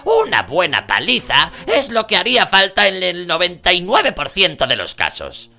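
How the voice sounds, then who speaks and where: A male narrator voicing a loud, bossy middle-aged aunt who bellows and scolds in a harsh, scornful way in an audiobook. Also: huge pitch swings, moderate pace, creaky, faint music behind, heavily acted. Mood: harsh lecturing. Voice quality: booming, bellowing. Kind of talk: audiobook character voice.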